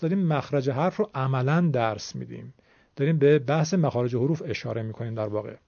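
A man's voice: on the high side, darkish tone, no room sound. A man giving a radio lesson on Quran recitation, explaining patiently and sounding out letters himself. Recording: dull, dry radio studio sound.

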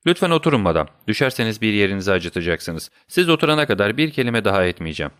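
A man's voice: lowish voice, big pitch swings, racing, a bit bright, clear, resonant tone, no echo, clean studio sound. A man voicing a firm, commanding detective. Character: brilliant calm adult male detective. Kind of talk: audiobook character reading.

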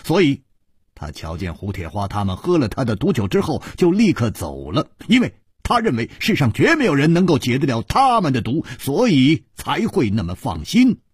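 A man voicing a calm, clever male swordsman hero who reasons things through with small scoffs. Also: mid-range voice, breathy edge, dry recording, clean studio sound, voice pushed up, exaggerated voice. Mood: reasoning. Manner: measured, reasoning, with little scoffs.

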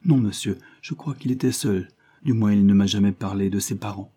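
A man's voice: lowish voice, brisk, warm tone, natural voice. A man voicing a passionate young woman in an audiobook, given to pleading, sobbing outbursts. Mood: guarded.

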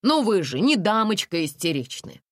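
A woman's voice: low voice, expressive, measured pace, dry recording. A woman voicing a stern, no-nonsense middle-aged mother who talks in a dry, commanding way.

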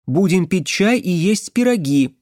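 A man voicing a cautious young woman who talks gently and coaxingly but turns firm when she has to. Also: high-pitched, expressive, unhurried, no echo, studio quality, pitched above the performer's own voice. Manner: soft, coaxing, sometimes sharp commands.

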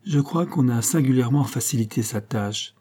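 A man's voice: mid-range voice, normal speed, mellow, husky, lightly acted. A male narrator voicing a shrewd police detective who speaks in a composed, probing way. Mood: decisive.

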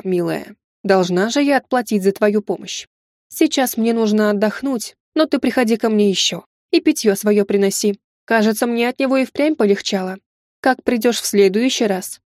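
A woman's voice: a little high, no echo, clean studio sound, natural voice. Woman voicing a patronizing noble lady. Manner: smooth, condescending, softly amused.

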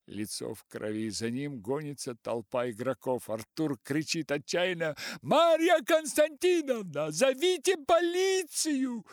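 Brief: male reader, dramatic audiobook narration, lively melody, unhurried, dry close sound. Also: mid-range voice, no echo. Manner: theatrical, acts out many voices.

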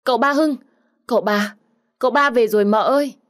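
A woman doing a shrill tattling servant girl. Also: moderate pace, darkish tone, lightly acted. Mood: excited. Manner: pleading, high-pitched complaining. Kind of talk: storybook narration.

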